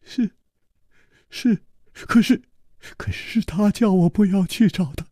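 A man's voice: sits high, takes it slowly, warm tone, no room sound, clean studio sound, voice pushed up. A man voicing a timid, tearful young male servant who stammers and pleads.

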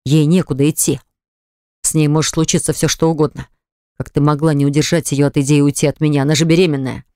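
A man voicing a hot-tempered young man in an audiobook, forceful and commanding. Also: on the high side, flat delivery, quick pace, smooth, dry recording, studio quality, natural voice. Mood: angry, demanding.

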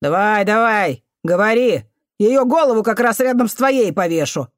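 A spiteful old caretaker woman snarls and shrieks abuse in a raised, loud voice, as a female reader puts her on. Her tirades swing high and low with venom. The recording is dry and close, like a storybook audiobook. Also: lively intonation, unhurried, no echo. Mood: furious. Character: vicious foul-mouthed old female caretaker.

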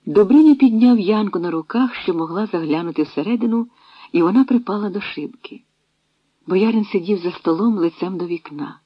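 A narrator reading a historical story as an audiobook, in an expressive storytelling manner. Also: mid-range voice, normal speed, no room sound. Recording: dry, dull lo-fi sound.

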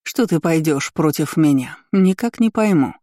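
A man's voice: on the high side, expressive, moderate pace, mellow, no room sound, studio quality, close to an everyday voice. A man voicing a cruel, mocking empress in a read-aloud novel, with a taunting, gloating, sing-song delivery. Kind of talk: audiobook character voice.

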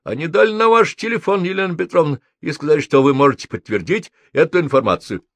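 A man doing a monotone police sergeant. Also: a little high, fast talker, no room sound, voice pushed up. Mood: officious. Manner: monotone, officious, condescending. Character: stern, condescending male police sergeant.

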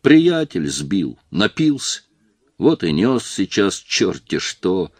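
A man narrating a novel in an expressive storytelling manner. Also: deep voice, slow pace, dry recording, clean studio sound. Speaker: audiobook narrator. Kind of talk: scripted narration.

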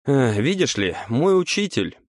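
A man's voice: mid-range voice, very animated, a little slow, dry recording, clean studio sound, voice pushed up. A man voicing an earnest, tired young male apprentice who explains patiently in an audiobook.

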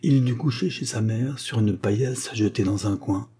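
A man reading a classic novel aloud as an audiobook narrator, steady and measured. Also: medium pitch, breathy edge. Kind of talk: scripted literary narration.

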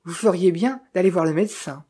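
A woman's voice: on the low side, fairly quick, warm tone, breathy edge. A woman reading an audiobook and voicing a chatty, knowing male village innkeeper who gossips and teases. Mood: confiding. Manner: gossipy, teasing, confiding. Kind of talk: audiobook character voice.

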